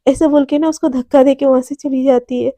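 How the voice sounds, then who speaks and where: A woman tells a romance story in a relaxed, chatty way, slipping English words into her talk. Her voice sits high but sounds mellow, and the recording is close and dry. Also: a little fast, no echo. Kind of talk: casual story narration.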